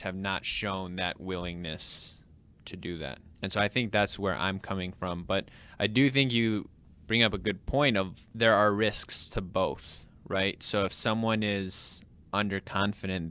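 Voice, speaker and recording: A man on a discussion panel, talking in a measured, thoughtful way. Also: deep voice, sharp tone, clear, resonant tone. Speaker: podcast panelist. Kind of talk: casual discussion.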